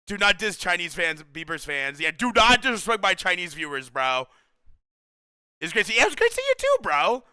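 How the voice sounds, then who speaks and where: A young man chatting casually with his stream viewers, excitable and slangy, saying "bro" a lot and laughing often. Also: high-pitched, clear, resonant tone, no room sound.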